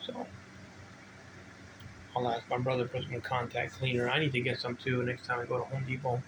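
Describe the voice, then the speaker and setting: In an indoor home workshop room, an older man who collects vintage bikes demonstrates his gear in a casual, rambling show-and-tell, drifting into informal asides. He speaks at normal speed in a medium pitch with a completely flat delivery, and there's noticeable background noise.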